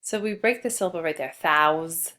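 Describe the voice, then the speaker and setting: Teacher lady walking a kid thru spelling, patient, slow, lowish voice. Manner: patient, explains slowly and spells out letters. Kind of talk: spelling lesson for a child.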